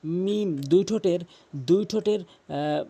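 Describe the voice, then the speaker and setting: A man teaching Quran pronunciation step by step, explaining plainly and repeating each letter slowly to demonstrate it. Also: sits high, mellow. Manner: plain instructive explanations with fillers.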